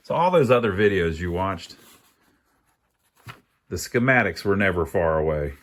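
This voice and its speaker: An American video host who repairs amateur radios talks through a hands-on fix, thinking aloud in a folksy, plain-spoken way. His deep voice is animated and a bit bright, at a moderate pace.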